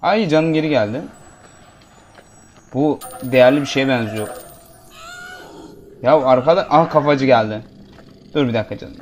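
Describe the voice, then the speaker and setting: A man's voice: medium pitch, moderate pace, long pauses, slight background noise. A man giving casual, jokey let's-play commentary and talking back to the game characters as he plays. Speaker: gameplay commentator.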